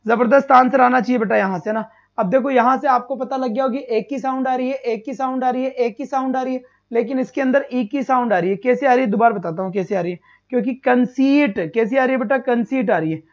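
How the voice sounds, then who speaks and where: A fast-talking man with an extremely high-pitched voice teaches an exam-prep lesson live online. Each answer gets repeated, rhetorical questions come up often, and students are called "beta." The audio is lo-fi and slightly dull.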